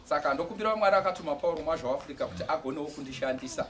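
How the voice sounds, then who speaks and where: Halting, emotional preacher man heard from afar. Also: on the high side, fairly bright tone. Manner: halting, restarts words, emotional. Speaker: evangelist giving testimony. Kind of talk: church testimony. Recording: distant mic with faint outdoor noise.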